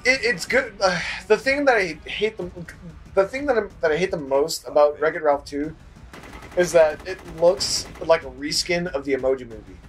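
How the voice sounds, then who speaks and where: A man's voice: a little high, animated, normal speed, a bit bright. A man co-hosting a gaming video, chatting in a laid-back way and swearing often. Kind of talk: casual chat while playing a game.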